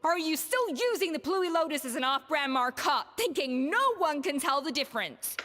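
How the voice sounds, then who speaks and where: A composed former head chef who speaks with calm dignity in a high voice. A long reverb and soft game music sit behind her. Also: normal speed, exaggerated voice.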